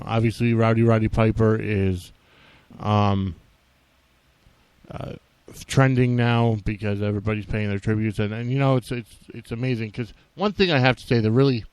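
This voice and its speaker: A man hosting a podcast alone, talking off the cuff in a halting, rambling way. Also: lowish voice, darkish tone, smooth, no echo. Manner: halting and rambling, frequently restarting thoughts. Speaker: wrestling podcast host. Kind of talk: unscripted solo podcast talk.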